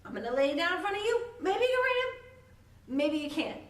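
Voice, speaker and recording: Brief: grand, drawn-out wizard man, a drunk woman acting him, distant mic. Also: very high-pitched, sing-song, pitched above the performer's own voice. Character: booming pompous male wizard, slow and grand. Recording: roomy distant mic with faint hiss.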